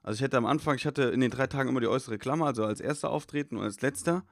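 A man, a stand-up comedian, chatting casually and telling animated anecdotes about his gigs. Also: medium pitch, racing, gravelly, no room sound, clean studio sound. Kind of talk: casual chat.

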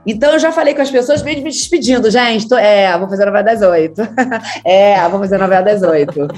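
A woman's voice: mid-range voice, brisk, a little mellow, soft background music. A talkative Brazilian woman, an actress, telling stories from her career in a casual, laughing way. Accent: Brazilian Portuguese. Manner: chatty, laughing, talks a lot. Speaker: actress, interview guest. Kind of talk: casual storytelling.

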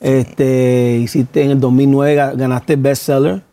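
A man with a Puerto Rican Spanish accent hosting a casual talk show interview in a studio with a live audience, lively and hyped at first, then softer and respectful. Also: medium pitch, takes it slowly.

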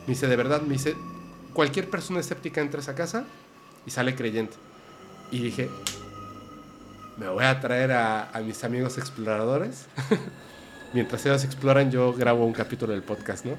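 A man's voice: mid-range voice, moderate pace, pauses often, over music. A man with a Mexican accent hosting a podcast, chatting casually and retelling conversations with friends. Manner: animated storyteller, quotes friends. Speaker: podcast host. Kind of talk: casual chat.

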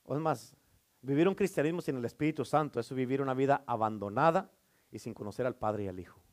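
A man's voice: medium pitch, quick pace. A man preaching a sermon as a pastor, emphatic, with rhetorical questions and calls for amen.

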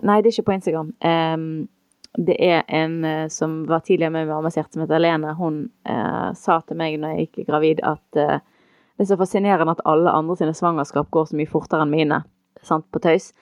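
A woman's voice: deep voice, little pitch movement, no echo, studio quality. A woman hosting an interview in casual chat, often stringing several questions together. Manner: chatty, piles up several questions at once. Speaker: podcast host.

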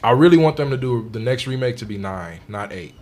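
A young man co-hosting a casual podcast chat, talking loosely with lots of fillers and getting loud and animated when excited. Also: mid-range voice, brisk. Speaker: podcast co-host.

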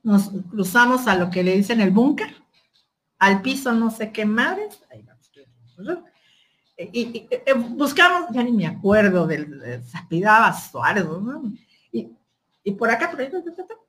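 Mexican lady telling her story on a podcast, kinda high voice, lots of "o sea", acts out what people said. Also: moderate pace. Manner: animated, quotes others, frequent "o sea" fillers. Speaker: podcast guest. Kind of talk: casual storytelling.

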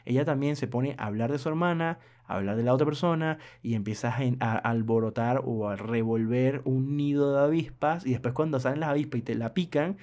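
Young man, mellow warm voice, casual vlog storytelling, rambling, lots of hesitations. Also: mid-range voice, brisk, few pauses. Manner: chatty, rambling, with many hesitations and asides. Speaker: vlogger.

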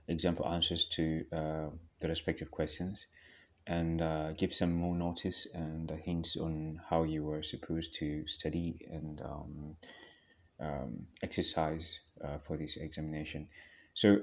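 A man from Tanzania, hosting a podcast and answering speaking-exam questions with many pauses and fillers. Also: sits low. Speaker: podcast host. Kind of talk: speaking-exam practice monologue.

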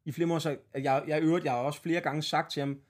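A man's voice: fairly high pitch, steady tone. A man from Denmark co-hosting a casual podcast, telling stories bluntly and swearing often. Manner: blunt, swear-heavy storytelling. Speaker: podcast co-host.

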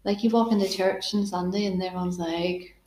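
A 20-year-old woman with a Northern Irish accent, co-hosting a casual podcast chat with lively, emphatic talk. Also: on the low side, a little fast, slight background noise. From Northern Ireland. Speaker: podcast co-host. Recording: roomy echo.

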